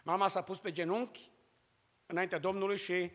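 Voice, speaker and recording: A man from Romania preaching a sermon and telling a testimony, swinging between loud cries and hushed storytelling. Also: high-pitched, level tone. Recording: long hall reverb.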